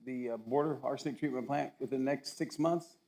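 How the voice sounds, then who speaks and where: Hoarse, gravelly man giving a meeting report. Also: mid-range voice, darkish tone. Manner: halting, with frequent uh and um. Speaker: utility director reporting to county commission. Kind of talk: formal public meeting report. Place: county commission meeting room.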